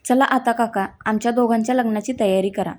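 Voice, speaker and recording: A woman's voice: on the high side, fairly even intonation, brisk, lightly acted. A woman voicing a brazen young woman who mocks and blackmails a family, in a storybook narration. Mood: taunting. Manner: smug, mocking.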